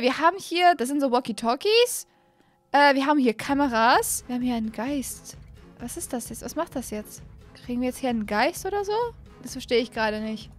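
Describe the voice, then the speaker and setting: In a small indoor room at home, a young woman who hosts gaming videos on YouTube plays along excitedly. Her high, energetic voice gushes and exclaims, echoing her own phrases and dropping English catchphrases, picked up close on a desk microphone with music faintly behind.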